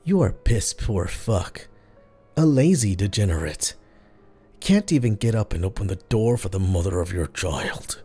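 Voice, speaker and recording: A man voicing a creature that fakes a young woman's voice, at first sweet and calm, then spiteful and taunting. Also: on the low side, a little slow, gravelly, pauses often, soft background music, heavily acted. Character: door creature faking a young woman's voice, cruel.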